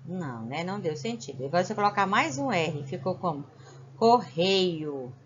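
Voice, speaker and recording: Brazilian woman teacher, lowish voice, patient and repetitive with young kids, dull home recording. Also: very animated, fast, fairly bright tone, a little hiss or hum. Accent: Brazilian Portuguese. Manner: patient, repeats "né?" and "ó" to check on children. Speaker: primary school teacher. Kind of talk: remote lesson explaining a worksheet.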